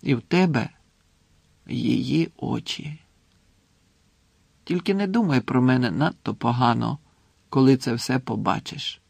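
A man's voice: mid-range voice, vocal fry, a little mellow, breathy edge, no room sound. A man doing a tearful older professor. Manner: slow, tearful, pleading.

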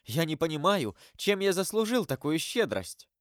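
Man doing a deferential jailer type, chatty, pitched up, dry close sound. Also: sing-song, moderate pace, no room sound. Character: humble middle-aged male prison guide, eager. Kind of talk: audiobook character voice.

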